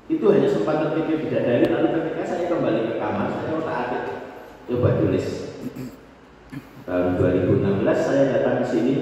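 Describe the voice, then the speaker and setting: A man's voice: mid-range voice, dark tone, recorded from a distance, a little hiss or hum. Man in his forties, echoey church hall. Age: 40s. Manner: reflective, storytelling, working through numbers aloud. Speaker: priest. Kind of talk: informal birthday speech. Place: large church hall with tiled floor. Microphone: handheld microphone, filmed from far.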